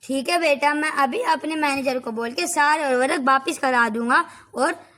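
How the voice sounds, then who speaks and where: Genial male shopkeeper played by a woman, exclamatory, high and bright, amateur street theatre. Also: moderate pace. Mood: surprised, conceding. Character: genial male village fertilizer shopkeeper, adult. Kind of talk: amateur street play acting.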